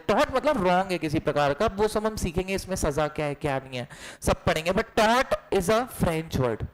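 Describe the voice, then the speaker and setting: A man's voice: high-pitched, rough recording. A male teacher giving an online exam-coaching lecture, joking and quizzing his students with call-and-response while mixing Hindi and English. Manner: mixes Hindi with English phrases. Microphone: online class recording.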